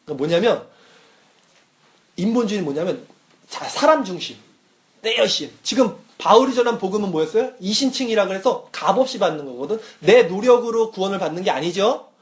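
A man's voice: sits high, animated, a little fast. A young man, a youth pastor, giving a casual sermon to students and often checking whether they follow. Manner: casual teaching, asks listeners questions.

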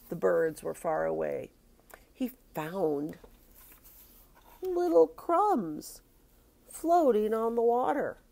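An older woman, a grandmother, reading a picture book aloud with expressive, drawn-out storytelling. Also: on the low side, gravelly.

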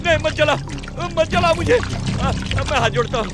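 A man dubbing a terrified corrupt ex-minister, who begs for his life in a shrill, frantic voice. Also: normal speed. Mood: begging terrified. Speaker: dubbing actor. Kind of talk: Hindi film dub. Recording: dry close studio dub.

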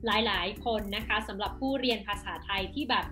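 A woman's voice: a little high, brisk, a bit bright, faint music behind. A young woman with a Thai accent hosting a casual video interview as a language teacher, speaking into a desk microphone. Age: young adult. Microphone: desk microphone on a video call.

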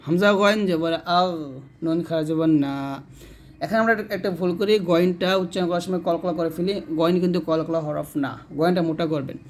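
Male Quran teacher with a Bangladeshi Bengali accent. Slightly high voice, patient, spells out syllables before chanting. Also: darkish tone. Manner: slow, spells letters syllable by syllable, then chants verses. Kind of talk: spelling-out recitation lesson.

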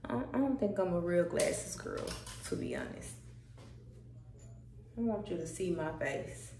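A woman's voice: fairly low pitch, wildly swooping pitch, unhurried, gravelly, noisy background. A woman vlogger in casual chat at home, easygoing and slangy as she talks to her viewers. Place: home indoors. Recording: roomy, from a distance, faint music. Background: faint music from a TV.

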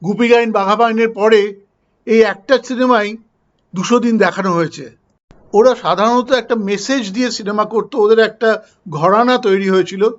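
A man's voice: sits high, normal speed, highs cut off. An older man from India chatting casually in a film review vlog, telling personal anecdotes as he goes.

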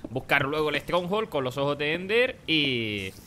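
A man with a Spain Spanish accent hosting a game, talking in quick, jumpy banter and yelling warnings. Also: a little high, animated, slight background noise. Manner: rapid, jumpy, yells warnings. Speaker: gaming channel host. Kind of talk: excited let's-play banter.

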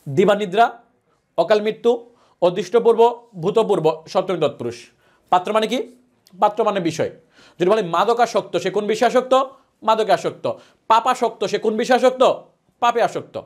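A man teaching a grammar lesson, asking questions and answering them himself. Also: high voice. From Bangladesh. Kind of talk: classroom lecture.

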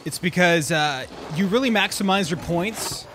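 A man giving casual gameplay commentary, excitable and slangy, talking straight to his viewers as bro and dude. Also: high voice, normal speed, soft background music. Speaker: gaming YouTuber.

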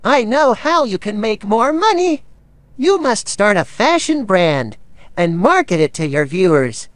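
A woman's voice: mid-range voice, sing-song, measured pace. A synthetic female text-to-speech voice reading out donation messages. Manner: synthetic social media TTS voice. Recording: clear background noise.

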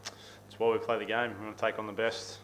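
Australian man, low flat voice, press conference table mic, faint hiss. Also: a little fast, low-quality recording. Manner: steady, repeats words while thinking, fillers. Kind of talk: post-match press answers. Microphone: table microphone.

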